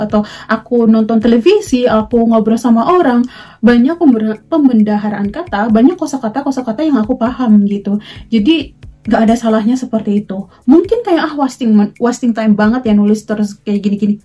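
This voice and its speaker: A young woman from Indonesia chatting casually to her viewers as a vlogger, mixing in English words and pausing often on fillers. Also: a little high, mellow. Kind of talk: casual talk to camera.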